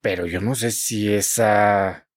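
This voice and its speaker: A man's voice: lowish voice, fairly even intonation, takes it slowly, no room sound, studio quality. A man hosting a podcast and asking questions in a casual way, mixing in English words. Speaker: podcast host. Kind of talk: interview questions.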